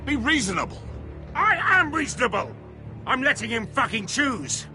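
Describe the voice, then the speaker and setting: An actor playing a brutal, scarred sellsword captain who swears constantly and makes sudden loud threats. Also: male voice, extremely high pitch, very animated, normal speed. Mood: menacing. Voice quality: gravelly. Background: game music.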